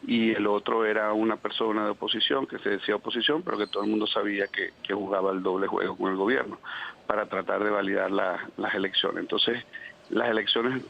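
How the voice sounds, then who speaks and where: A man's voice: fairly low pitch, steady tone, brisk, vocal fry. A Venezuelan man with a Venezuelan Spanish accent, calling in by phone to a news interview, answering earnestly and argumentatively with many hesitations. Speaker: phone guest, Venezuelan community representative. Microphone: telephone line. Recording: dull lo-fi phone line, faint noise.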